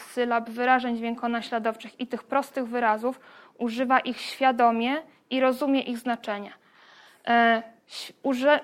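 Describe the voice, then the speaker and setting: A woman lecturing on children's speech development. Her voice sits fairly high but moves little in pitch, in an even, explanatory flow. She pauses on fillers, checks in with listeners, and slows right down to spell out examples. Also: clear, resonant tone. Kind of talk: spoken lecture.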